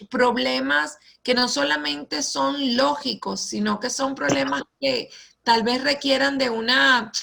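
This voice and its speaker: Lady teacher on a video call, high voice, lots of fry, eager and explaining. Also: pushed and bright. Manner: enthusiastic, explanatory. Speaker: guest speaker, teacher. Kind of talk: online talk to teachers.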